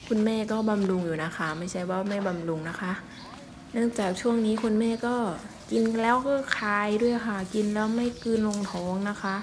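Against a noisy background, a woman speaks briskly in a mid-range voice while narrating an outdoor forest vlog about the elephants she's filming. She's casual, polite and chatty, frequently using soft particles.

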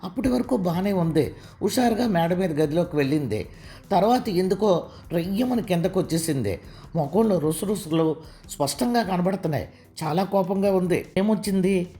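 A woman narrating an audiobook story in a steady storytelling way. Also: fairly low pitch, normal speed.

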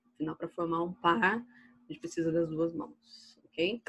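A Brazilian woman teaching a recorded online English class, explaining slides patiently, slow and clear, checking "ok?" after each point. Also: lowish voice, very animated, a bit bright, lo-fi sound. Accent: Brazilian Portuguese.

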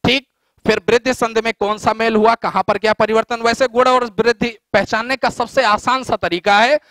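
A man's voice: very high-pitched, fairly even intonation, moderate pace, a bit bright, no echo. A man teaching a grammar lesson for exam students, asking questions and answering them himself. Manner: repeats points, asks and answers his own questions. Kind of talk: explanatory lecture.

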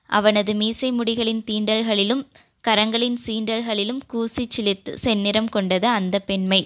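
A woman narrating a romance audio novel in a steady, expressive reading style. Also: medium pitch, clear, resonant tone.

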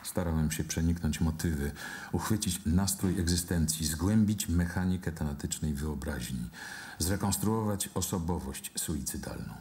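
A man reading literary prose in a measured, formal way. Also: low voice, darkish tone, some chatter behind.

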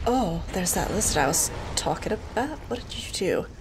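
A woman's voice: mid-range voice, animated, normal speed, gravelly, background noise. A woman with a congested, stuffy voice, casually commenting while she plays a game, chatting to enemies and laughing along the way. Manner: chatty, talks to enemies on screen, laughs often. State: congested from a cold. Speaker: gaming channel host. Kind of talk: let's play commentary.

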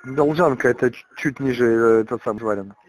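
Agitated man on an intercepted call, rapid mid-pitched speech, repetitive and full of swearing. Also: rough recording. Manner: heavy swearing, agitated, repeats himself. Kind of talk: tense casual phone conversation. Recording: intercepted phone or radio call.

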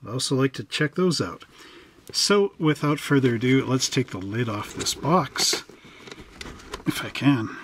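A middle-aged man from western Canada hosts a model kit channel, chatting in a folksy, informal way through a casual unboxing and instruction walkthrough. His medium-pitched voice is fairly bright, with lively intonation and a slightly slow pace, over slight background noise.

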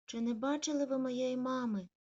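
A woman's voice: sits high, fairly even intonation, moderate pace, darkish tone, highs cut off, voice pushed up. A woman voicing an eager little male corgi puppy who calls out and pleads. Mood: scared.

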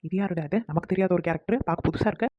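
A woman voicing a sharp-tongued upstairs neighbor in a cartoon comedy, who grumbles and mutters complaints to herself. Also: on the low side, rapid-fire, no room sound, lo-fi sound, lightly acted. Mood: grumbling.

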